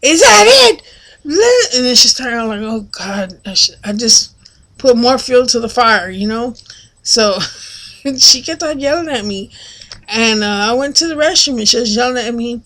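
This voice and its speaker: A fairly high-voiced woman chats to her camera in a loose, rambling way. She piles on fillers and restarts as she goes. When she acts out other people's lines, her voice turns loud and high. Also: normal speed. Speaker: vlogger. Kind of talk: casual storytelling monologue.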